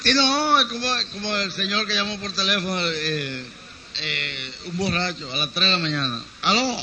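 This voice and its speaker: A man telling jokes in a casual, animated way, switching voices for the characters. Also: high voice, normal speed, background noise. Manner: animado, cambia de voces al contar. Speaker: joke teller. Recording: ruido de fondo claro.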